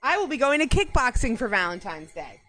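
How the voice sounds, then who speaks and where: A high-pitched woman with a Long Island accent talks to her viewers as she bakes. She chats casually, greets people by name and wanders into rambling asides between steps. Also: big pitch swings, a little fast, pushed and bright. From New York. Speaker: livestreamer baking on stream. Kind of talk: casual chat while baking.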